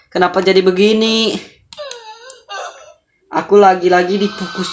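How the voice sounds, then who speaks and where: A woman voicing a young wife who pleads with her husband in a raised, tearful voice, reading her lines over a life-sim game. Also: low voice. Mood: sorrowful.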